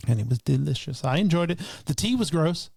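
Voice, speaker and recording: A man's voice: fairly high pitch, lively intonation, brisk, vocal fry, a little mellow, dry recording, studio quality. A man co-hosting a podcast, chatting in an easygoing, rambling way that trails off and restarts. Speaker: podcast co-host. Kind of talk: casual chat.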